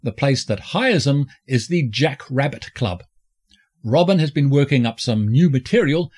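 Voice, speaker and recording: A man hosting a film review podcast, reading scripted narration in a campy, flamboyant drag-queen manner with a husky voice. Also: medium pitch, lively intonation, a little slow, darkish tone.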